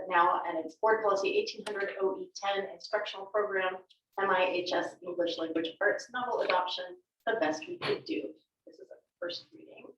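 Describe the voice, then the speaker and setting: A woman running a board meeting, announcing agenda items in a brisk, procedural way. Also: medium pitch, a bit bright. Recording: distant, echoey, dull, faint noise.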